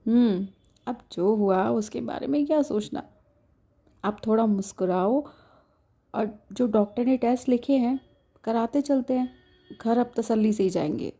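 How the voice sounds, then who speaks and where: Give me a playful older aunt, read by a woman with a mellow voice. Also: a little high, a little slow, pauses often, slightly rough. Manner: playful, soothing.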